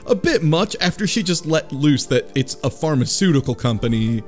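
A podcast panelist in a casual group chat recaps a story in a rambling, animated way, acting out the quoted dialogue as he goes. His voice is a little high, his pace moderate, and soft music plays in the background.

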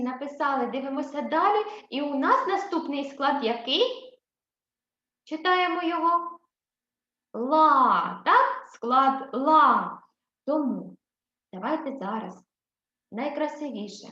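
A woman teaching a first-grade writing lesson with a Ukrainian accent, speaking slowly and patiently and praising the children often. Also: sits high, expressive, pushed and bright. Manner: encouraging, often asks "так?" and praises the children. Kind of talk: slow, patient classroom instruction. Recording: roomy, slightly dull recording.

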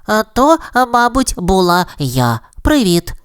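A woman voicing a friendly, gentle young girl bat in a children's audio storybook, soft and slow with wonder. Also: medium pitch, sing-song, smooth, no echo, clean studio sound, pitched above the performer's own voice. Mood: curious.

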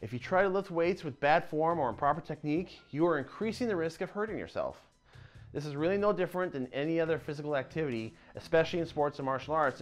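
A man in his thirties hosting a martial arts channel, presenting an explainer to camera in a lively, gesturing way with casual asides. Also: fairly high pitch. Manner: animated, talks with his hands, casual asides. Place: dim indoor dojo-style room. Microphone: lapel mic.

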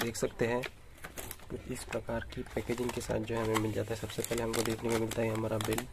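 With heavy background noise around him, an unboxing vlogger walks viewers through a setup tutorial, speaking to them frequently while his hands work on a table at home under an overhead camera. His voice is on the low side and creaky, his explanation steady and casual.

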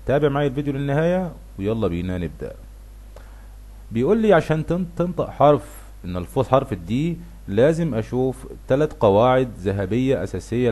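A middle-aged Egyptian man with an Egyptian Arabic accent teaches English pronunciation. His voice moves up and down with animated intonation, and he slows right down to stretch out each example word. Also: mid-range voice. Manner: lively, stretches words slowly to demonstrate sounds. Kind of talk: explaining pronunciation to viewers.

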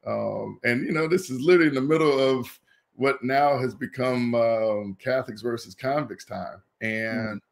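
A former college football player in his fifties from Indianapolis, USA, shares casual stories as an interview guest, vividly acting out the people he quotes. His mid-range voice is creaky, and he talks at a moderate pace.

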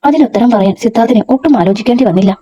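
A woman narrating a serialized story in a brisk, steady storytelling manner. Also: fairly high pitch, muffled recording, slight background noise. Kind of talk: scripted narration.

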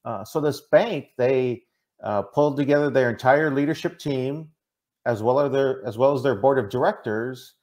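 Here a diversity consultant from Minnesota, a middle-aged Midwesterner, gives sincere, chatty interview answers and keeps asking "right?" His medium-pitched voice has a darkish tone and moves at a moderate pace. The audio comes through a video call microphone in an indoor room.

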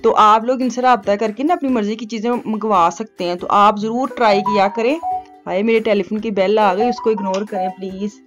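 A middle-aged woman records a chatty, rambling, homely voice-over at home for her shopping vlog. Her mid-range voice is steady in tone and a little fast, with faint music behind it.

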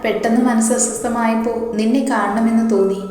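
A shaken young man with a soft, subdued voice, read by a woman narrator. The sound is heavily echoey, with a long reverb tail and faint music underneath. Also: on the high side, steady tone, brisk, lightly acted. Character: young man, distressed, tender toward a friend.

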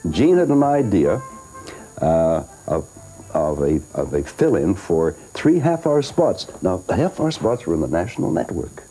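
A man's voice: low-pitched, sing-song, measured pace, dark tone, soft background music, poor audio. An older man, a singer and actor, chatting in an interview and telling stories with lots of fillers, restarts and laughs. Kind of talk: interview, storytelling.

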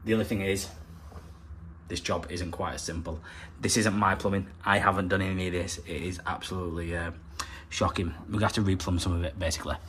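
Chatty plumber vlogging. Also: male voice, low voice, steady tone, fast talker, a bit bright, a little hiss or hum. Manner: chatty, practical, explains step by step. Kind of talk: casual vlog narration. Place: factory floor, then a house kitchen.

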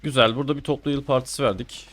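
A man's voice: medium pitch, steady tone, very fast, a crowd in the background. A man giving casual running commentary as he plays a game, teasing his opponent and grumbling when things go wrong. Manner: chatty, teasing and exasperated. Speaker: gaming streamer.

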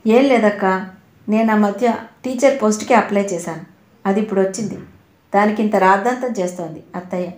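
Brief: woman doing a cheeky, teasing younger sister for an audio novel, soft mellow tone. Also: medium pitch, fairly quick, lightly acted. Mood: hesitant. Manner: teasing, light. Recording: roomy echo.

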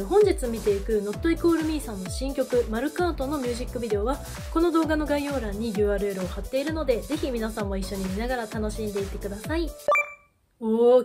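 A young woman chats over a music video in a casual reaction style. Her voice sits fairly high, and she gushes with quick exclamations and bursts of laughter. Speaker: idol fan YouTuber.

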